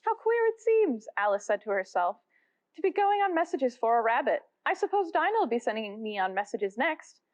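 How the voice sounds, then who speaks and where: A woman's voice: fairly high pitch, big pitch swings, normal speed. A woman voicing Alice, a curious young girl who is eager, easily upset and talks to herself. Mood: wondering.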